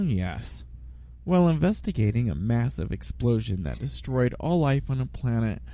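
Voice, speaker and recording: Recorded without echo, a man of medium pitch co-hosts a podcast while congested and coughing with a cold. His voice is rattly, chesty and phlegmy, yet his casual chatter stays animated, jokey and playful.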